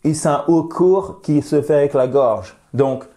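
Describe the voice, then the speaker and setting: A French-speaking man with a slightly raised pitch explains English plurals and pronunciation. He talks at a slow, unhurried pace, drawing out each example word with emphasis and dropping in playful asides. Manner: lively, repeats example words slowly and emphatically, playful asides. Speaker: English teacher. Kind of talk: lesson explaining grammar and pronunciation.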